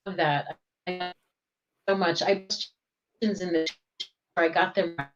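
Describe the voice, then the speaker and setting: A woman on a video call, speaking in halting, broken-off phrases while her audio keeps cutting in and out. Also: on the low side, steady tone. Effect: choppy video-call audio cutting in and out. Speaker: participant in an online group meeting. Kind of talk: casual discussion. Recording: dull lo-fi call audio, faint music.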